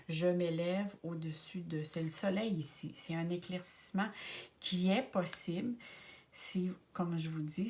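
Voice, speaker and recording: A woman with a Québécois French accent leads a tarot reading in a low, soft voice. She often drops to a near whisper and coaxes her listeners with gentle, encouraging words. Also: a little hiss or hum. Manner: warm, encouraging, addresses viewers affectionately. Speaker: tarot and oracle card reader. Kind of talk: tarot card reading guidance.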